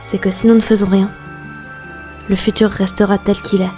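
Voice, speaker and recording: A woman's voice: medium pitch, level tone, moderate pace, dark tone, lightly acted. A woman voicing a cool, composed young female cat in an amateur French game fan dub. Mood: cool, matter-of-fact. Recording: background music under the voice.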